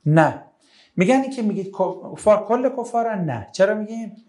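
A man's voice: high-pitched, lively intonation, a little mellow. A man giving a religious lecture to an audience. He talks animatedly, fires off rhetorical questions and answers listeners' questions.

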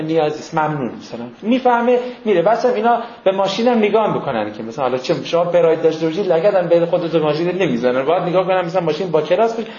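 A man giving an informal, conversational sermon, telling everyday stories with animated asides. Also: sits high, slight background noise. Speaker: preacher. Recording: roomy, dull lo-fi audio with faint ambience.

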